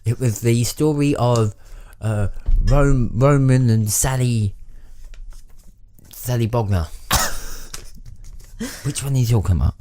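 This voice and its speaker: A man's voice: medium pitch, slow, long pauses, mellow, a little hiss or hum. A man hosting an improvised comedy podcast, rambling in a mock-serious way. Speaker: podcast host.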